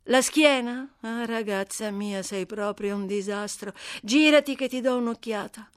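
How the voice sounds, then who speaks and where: Brief: woman reader playing a blunt, chatty young runaway girl, loud and high, dry booth sound. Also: measured pace, no room sound, natural voice. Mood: brash. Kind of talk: audiobook character reading.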